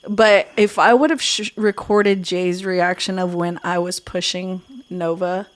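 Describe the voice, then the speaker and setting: A woman co-hosting a casual couples podcast, telling stories in a chatty, animated way full of "like" fillers. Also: on the low side, a little slow. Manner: laughs often while talking. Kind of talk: casual chat.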